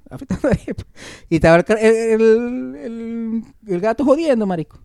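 A man with a Venezuelan accent telling a childhood story in casual, slangy chat, often trailing off low and quiet. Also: expressive, normal speed, gravelly, clear, resonant tone, no room sound, studio quality. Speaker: podcast co-host. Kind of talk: casual storytelling among friends.

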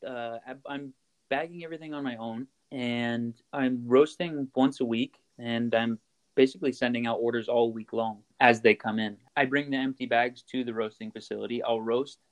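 A man's voice: medium pitch, fairly even intonation, moderate pace. A man being interviewed as a guest about his work roasting coffee, explaining the steps plainly with frequent fillers and restarts. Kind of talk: casual interview chat.

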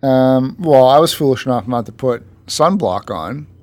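A man's voice: medium pitch, expressive, normal speed, darkish tone, no echo. A man hosting a podcast in loose, joking casual chat, swearing now and then. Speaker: podcast host.

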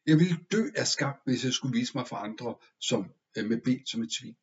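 A man narrates a first-person tale in a measured, expressive manner. His voice sits at an ordinary middle pitch. The recording sounds a little dull and lo-fi. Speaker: audiobook narrator. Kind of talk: scripted story narration.

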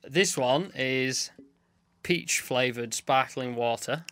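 A man's voice: medium pitch, slow, a bit bright, dry recording. A young man, chatting crudely and dryly on a casual podcast. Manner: crude, sweary, dry banter. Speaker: podcast co-host. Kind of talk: casual chat.

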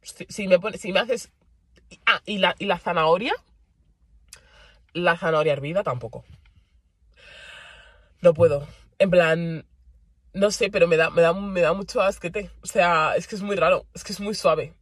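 Breathy young Spanish woman chatting. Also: lowish voice, measured pace, pauses often, no echo, studio quality. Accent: Spain Spanish. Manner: chatty, animated, laughs often, repeats words for emphasis. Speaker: vlogger. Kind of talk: casual chat to camera.

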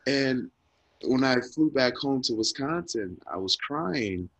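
A guest speaker in an interview tells a personal story in an earnest, reflective way, becoming emotional and near tears and repeating words when moved. His medium-pitched voice is animated and a bit bright, and he takes it slowly. The recording is dry.

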